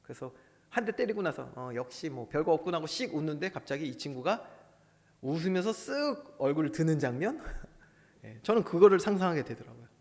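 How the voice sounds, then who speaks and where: A male pastor preaching a sermon with passion, swinging from loud bursts to hushed asides. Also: on the high side, big pitch swings, a little fast, creaky, big-room sound.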